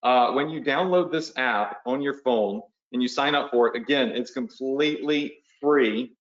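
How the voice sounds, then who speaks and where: A man's voice: mid-range voice, moderate pace, roomy sound, muffled recording. A man hosting a live online training, casual and chatty, walking viewers through steps and checking in with them often. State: has the hiccups. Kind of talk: casual live webinar walkthrough.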